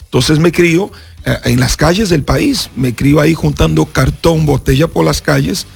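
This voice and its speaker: Appearing as a guest on a radio interview, a Brazilian man who pastors and speaks Portuguese natively gives his testimony in Spanish. His fairly high voice has a gravelly texture and moves at a moderate pace. Sincere throughout, he imitates the voices of the characters in his story.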